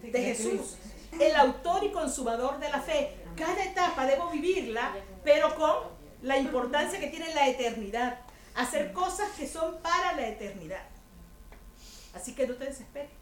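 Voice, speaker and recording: A woman's voice: high-pitched, animated, normal speed. A woman giving a chatty, humorous sermon to a women's group, often putting rhetorical questions to her listeners. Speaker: women's ministry speaker. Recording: echoey room with faint ambience.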